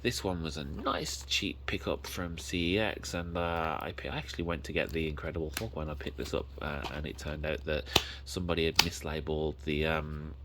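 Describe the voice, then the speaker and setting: A man's voice: a bass voice, fairly even intonation, brisk, background noise. A man, casually showing off his movie collection and rambling, often correcting himself as he talks.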